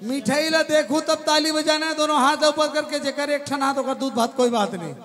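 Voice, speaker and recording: A man's voice: very high-pitched, fairly quick, a bit bright. A man with a Chhattisgarhi accent working as a stage magician and host, with teasing, repetitive kids' party magician patter for a child helper and the audience.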